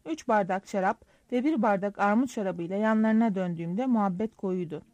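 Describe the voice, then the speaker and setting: A woman narrating a first-person audiobook in a lively, wry, self-mocking storytelling manner, close to the mic. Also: medium pitch, fairly quick, dry recording, muffled recording.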